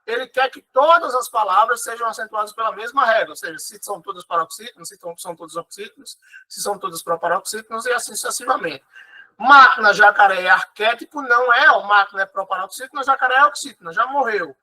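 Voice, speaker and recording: A man's voice: high-pitched, quick pace, bright, forceful tone, rough recording. A Brazilian man teaching an online exam-prep lesson. He explains patiently, repeats key words and keeps checking in with his students.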